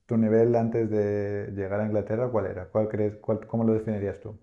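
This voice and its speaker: A man from Spain hosting a podcast, asking questions in a measured, casual way. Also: fairly low pitch, level tone. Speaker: podcast host. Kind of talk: casual interview. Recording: dull lo-fi sound.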